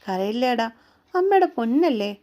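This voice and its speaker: A woman's voice: a little high, sing-song, moderate pace, warm tone. A woman voicing a young woman soothing crying twins in a storybook reading. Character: young woman caring for twins, tearful and devoted.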